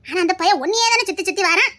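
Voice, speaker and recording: A woman's voice: very high voice, rapid-fire, pushed and bright. A woman voicing a blunt, wise old village grandmother with a Tirunelveli accent, scolding and teasing her granddaughter in a one-voice audio drama. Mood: lecturing. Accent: Tirunelveli Tamil.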